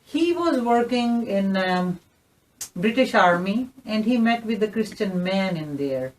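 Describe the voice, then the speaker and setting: A woman's voice: medium pitch, expressive. Pakistani woman, distant mic. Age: 50s. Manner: earnest, measured storytelling. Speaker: interview guest, missionary. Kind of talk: recorded interview testimony.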